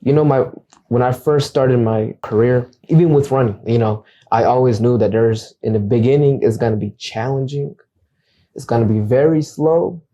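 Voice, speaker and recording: This young man, a United States resident whose first language is Acateco, is an earnest guest realtor in a casual interview. He tends to repeat words as a thought gets going, speaking at normal speed in a warm, mid-range voice.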